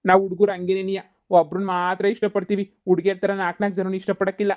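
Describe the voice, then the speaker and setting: A woman's voice: mid-range voice, level tone, fast talker, darkish tone, natural voice. A woman doing a sweet-talking village suitor. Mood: coaxing. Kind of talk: cartoon comedy voice acting.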